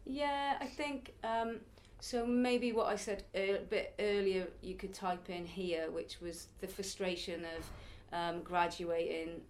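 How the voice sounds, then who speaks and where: At medium pitch, slow but with hardly any pauses, a woman's steady voice answers an interviewer. She's in her early forties, performs in the circus and teaches it to young people, and comes across chatty and reflective, laughing now and then.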